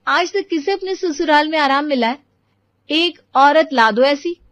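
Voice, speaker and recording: A woman's voice: high-pitched, a little slow, no echo, voice pushed up. A woman voicing a lazy, sassy young married daughter in a storybook tale. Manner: sassy, bossy. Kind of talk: storybook voice acting.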